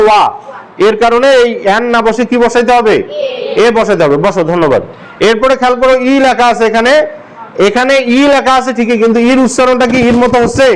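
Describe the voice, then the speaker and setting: A man's voice: extremely high pitch, clean tone, low-quality recording. A male English teacher from Bangladesh giving a classroom grammar lesson, asking the class the same question again and again. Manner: drills the class with repeated questions.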